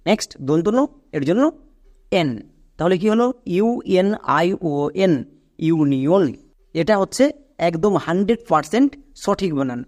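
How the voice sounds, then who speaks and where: A man's voice: high voice, a little mellow. A man teaching an English spelling lesson. He goes through each word patiently and repeats his points. He checks in with the listener by asking questions.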